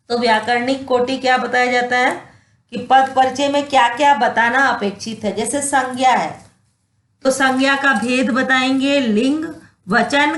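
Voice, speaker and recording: A woman's voice: fairly high pitch, a bit bright. A woman teaching a grammar lesson, who explains step by step, reads out example sentences and checks that her students follow.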